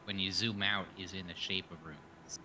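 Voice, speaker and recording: Male player, very low voice, dry and offhand, noisy recording. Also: fairly even intonation, moderate pace. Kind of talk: tabletop roleplay chat.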